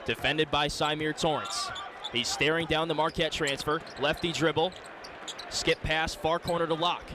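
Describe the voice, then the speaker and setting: Doing live radio play-by-play for a basketball game, a man calls the action in clipped, descriptive phrases. His voice is a little high, with fairly even intonation and normal speed. Loud arena noise sits behind him, along with gym ambience and bouncing basketballs.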